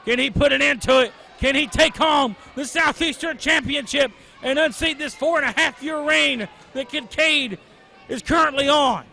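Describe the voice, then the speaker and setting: High-pitched, excitable male wrestling commentator. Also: normal speed, creaky. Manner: exclamatory, dramatic calls with rhetorical questions. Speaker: wrestling commentator, calling the play-by-play. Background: crowd at a wrestling event.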